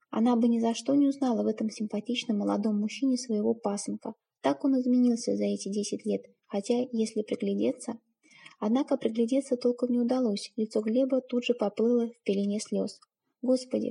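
A woman reads an audiobook with expressive, intimate storytelling. Her voice is husky and gravelly, with a dark, mellow tone and a higher pitch. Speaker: narrator. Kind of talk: audiobook narration.

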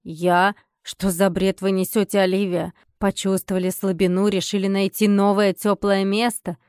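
A woman voicing a cold, contemptuous aristocratic lord, slightly lower than her own voice. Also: flat delivery, moderate pace, darkish tone, smooth, dry recording, clean studio sound, close to an everyday voice.

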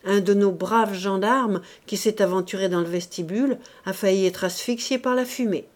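A woman voicing a calm, obliging middle-aged male official in an audiobook, speaking in a reassuring way. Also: medium pitch, normal speed, lightly acted.

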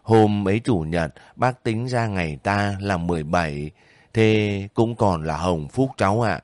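A man's voice: fairly low pitch, a little slow, a little mellow, no echo, natural voice. A man voicing a kindly older village woman who pleads and sobs over her nephew in a spoken story. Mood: pleading. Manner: pleading, sobbing, fussing.

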